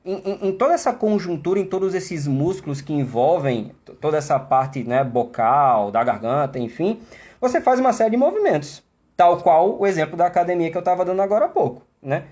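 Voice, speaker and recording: Brazilian man, English teacher on a live stream, slightly high voice, conversational, explains with lots of asides. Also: very animated, brisk, darkish tone. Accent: Brazilian Portuguese. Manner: chatty, explanatory, many tag questions. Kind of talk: live online class.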